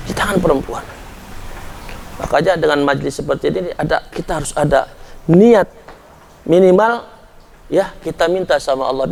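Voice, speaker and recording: A preacher with a voice that sits high speaks to his congregation in a conversational, direct manner, occasionally escalating into loud and fervent pleading.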